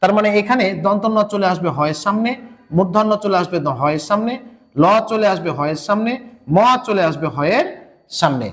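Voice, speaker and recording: Male Bangladeshi Bengali teacher, high voice, patient step-by-step explainer who models pronunciations slowly. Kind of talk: recorded lesson for exam students.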